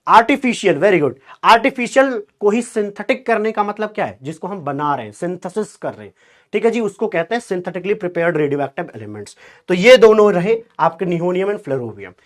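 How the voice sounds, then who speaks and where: A man teaches chemistry in an online lecture. His voice sits high. He talks in an animated, teasing way and keeps quizzing his students. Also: normal speed.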